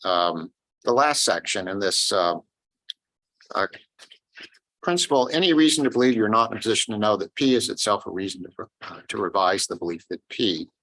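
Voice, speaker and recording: A man's voice: fairly low pitch, lively intonation, normal speed, a bit bright, poor audio. A man in the audience asking a question after a talk, hesitant with many fillers.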